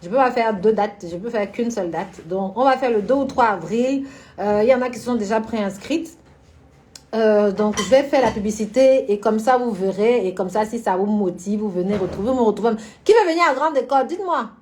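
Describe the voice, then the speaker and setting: A woman's voice: fairly high pitch, a little fast, a little mellow, a little hiss or hum. A woman hosting a casual live stream, chatting frankly about business and answering viewers by name, often laughing. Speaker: florist and event decorator hosting a live stream.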